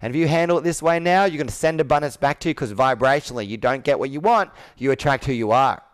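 On a video call from an indoor whiteboard room, a man in his thirties talks fast in a mid-range voice. It's live sales roleplay coaching, and his delivery is persuasive and emphatic, built on repeated phrases.

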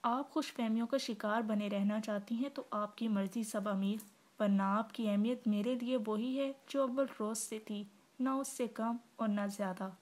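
A woman reading the lines of a proud young husband who answers in a sharp, clipped way in a novel. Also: mid-range voice, steady tone, moderate pace, few pauses, close to an everyday voice. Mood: curt.

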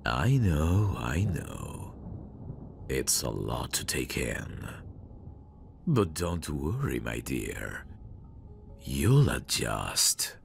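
An ASMR voice actor performs a roleplay monologue as a possessive, creepy, doting male mad scientist, using a very deep, full character voice. He is very animated yet slow, intimate and theatrical, with a soothing, possessive mood. His close-miked voice sits over clear background music.

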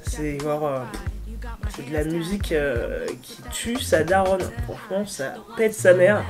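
A woman with an eastern French accent, chatting casually about music. She rambles excitedly in slang and uses lots of fillers. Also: on the low side. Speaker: music YouTuber. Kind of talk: casual chat, music review. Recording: music playing clearly behind the voice.

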